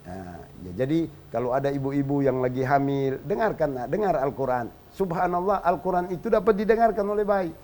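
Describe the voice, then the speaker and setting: A man's voice: fairly high pitch, a little fast, few pauses, darkish tone, slight background noise. A man from Indonesia, a religious scholar teaching on a TV talk show, explaining points and reciting Arabic verses in a chanting cadence.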